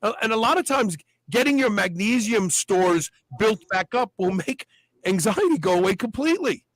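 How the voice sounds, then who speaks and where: A man's voice: high-pitched, normal speed, no echo, low-quality recording. A man hosting a health talk show, talking casually and acting out the voices in people's heads as he explains. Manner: animated, acts out inner voices. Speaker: podcast host.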